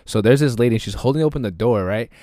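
A man's voice: medium pitch, fast talker, no echo, studio quality. A young man co-hosting a podcast in casual chat, telling stories animatedly with lots of swearing and laughter. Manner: profane, laughing, animated storyteller. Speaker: podcast co-host.

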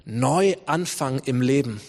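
A man's voice: mid-range voice, expressive, measured pace, darkish tone. A man preaching a sermon in a church, conversational and full of rhetorical questions and emphatic repetition. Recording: long church reverb.

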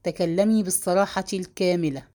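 A woman's voice: fairly low pitch, fairly quick, dark tone, close to an everyday voice. A woman reading the lines of a stern older male patriarch who barks short, commanding orders. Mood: stern, angry. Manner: gruff commanding outbursts.

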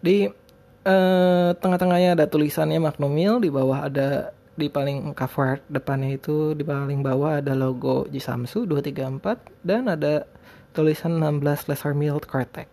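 Lisping man, higher-pitched casual podcaster. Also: moderate pace, vocal fry, dark tone. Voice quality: lisped r sounds (cadel). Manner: rambling, hesitant, informal. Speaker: podcast host. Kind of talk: casual solo podcast talk.

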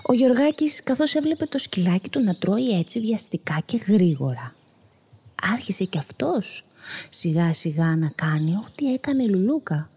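A woman narrating a children's bedtime story, gentle and expressive, sometimes dropping to a whisper. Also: medium pitch, husky.

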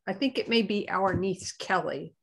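A woman co-hosting a morning livestream, chatting casually in a reflective, halting way. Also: medium pitch, gravelly, a little hiss or hum. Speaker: co-host of a sisters' morning livestream. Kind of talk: casual chat.

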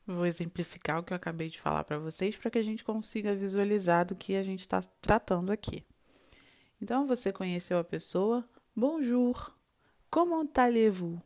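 With a medium-pitched, slightly mellow voice and a brisk pace, this woman gives a French lesson online. She's Brazilian, with a Brazilian Portuguese accent, and she takes her time explaining, goes back over points, and demonstrates brief dialogue lines.

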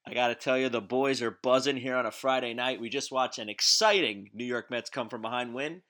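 A man's voice: medium pitch, a little fast, bright, forceful tone. A man chatting casually as a guest on a sports podcast, recorded in a home basement. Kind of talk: casual sports podcast chat about wrestling.

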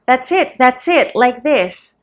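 A woman's voice: fairly high pitch, measured pace, voice pushed up, full character voice. Woman voicing an eager old male servant. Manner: eager, excited.

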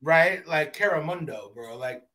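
A man's voice: on the high side, measured pace. A man hosting a casual podcast, telling a profane story with lots of slang and mock voices. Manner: animated, profane, slips into mock voices and accents. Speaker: podcast host.

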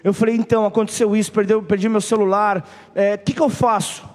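High-voiced Brazilian pastor, humorous. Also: male voice, quick pace, in a large hall. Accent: Brazilian Portuguese. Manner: humorous animated storytelling. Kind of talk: sermon.

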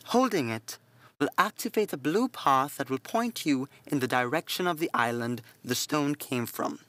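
A man voicing a calm, devout middle-aged nun who speaks with gentle, motherly earnestness. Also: medium pitch, normal speed, no echo. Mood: earnest.

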